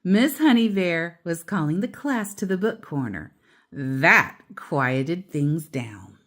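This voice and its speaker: A fairly low-pitched female voice brings a children's book to life, reading with emphatic, measured, expressive phrasing and the occasional informal aside.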